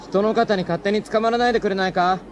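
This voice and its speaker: A man's voice: high voice, steady tone, quick pace, background noise, natural voice. An actor playing a cool, teasing young man in a radio drama, talking in a dry way.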